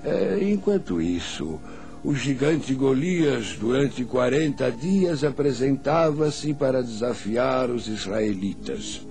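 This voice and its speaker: An older man narrating a Bible story for children as a grandfather, solemn and deliberate, in a dramatic storyteller's way. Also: mid-range voice, animated, a little mellow. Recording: music under the voice.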